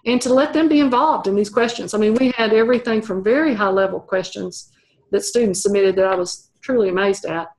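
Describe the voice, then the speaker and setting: A woman's voice: mid-range voice, a little fast. A middle-aged woman talking through an interview in a thoughtful way, with many fillers and restarts. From United States. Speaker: program evaluation professor, interview guest. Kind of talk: conversational interview.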